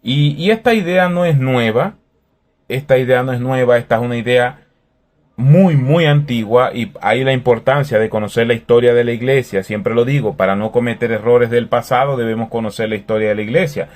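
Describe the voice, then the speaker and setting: A man from Venezuela, hosting a calm, thoughtful faith talk in a conversational way. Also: medium pitch, a little fast.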